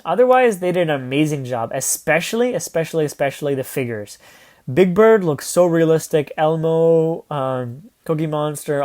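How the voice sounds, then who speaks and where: Casual male reviewer, higher-pitched, rambling and chatty with frequent filler words. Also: a little mellow. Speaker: YouTube host reviewing toy sets.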